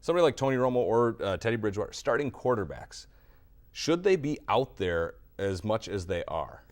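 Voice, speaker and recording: A male American sports radio host with a fairly low voice and very quick delivery. He chats briskly through the topics and tosses questions to his partner. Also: very animated. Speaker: sports talk show host.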